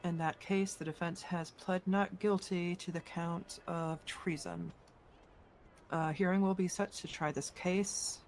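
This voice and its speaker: Gravelly-voiced judge running a hearing. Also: medium pitch, steady tone, a little slow, a little hiss or hum. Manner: brief, formal, repeats set phrases. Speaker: judge in a role-play court. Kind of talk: role-play court hearing.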